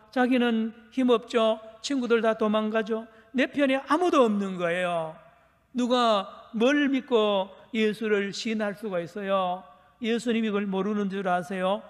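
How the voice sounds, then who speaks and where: High-voiced pastor preaching in a reverberant church. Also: male voice. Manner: asks the congregation questions and repeats phrases for emphasis. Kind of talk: dawn prayer sermon. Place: church sanctuary.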